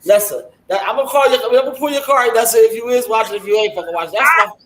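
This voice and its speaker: A woman's voice: a little high, racing, fairly bright tone. A woman co-hosting a casual podcast chat, blunt, profane and emphatic, sometimes raising her voice. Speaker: guest co-host. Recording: roomy echo.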